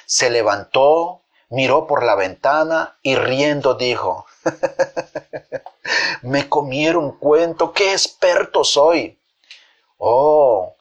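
Expressive male storyteller. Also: mid-range voice. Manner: expressive, addresses listeners. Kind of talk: children's story narration.

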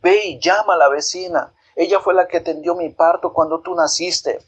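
A man's voice: sits high, fairly even intonation, normal speed, slightly rough, lo-fi sound, voice pushed up. Man doing a moaning mother in pain. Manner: moaning, strained pleading. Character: mother in labor, pained and anxious.

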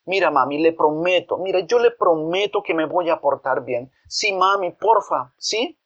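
An eager young boy in a storybook tale, begging and insisting in a voice pushed well above the teller's own, as a man puts him on. The boy sounds bright and urgent, and the recording is dull and lo-fi. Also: fairly high pitch, animated, unhurried, pitched above the performer's own voice. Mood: pleading. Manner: begging, insistent, repeating "mami". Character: pleading young boy, eager football player.

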